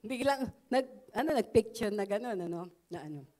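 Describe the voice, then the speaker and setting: A woman's voice: mid-range voice, animated, fairly quick, darkish tone. A middle-aged Filipino woman giving a chatty spoken testimony in church, full of fillers and "no?" tags. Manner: conversational, frequent "no?" tags and fillers.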